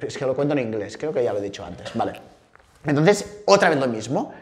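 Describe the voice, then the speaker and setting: A man, hosting a casual video lesson to camera in a playful, lively way. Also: brisk. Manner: lively, playful, jumps to high excited pitch. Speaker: host and language teacher.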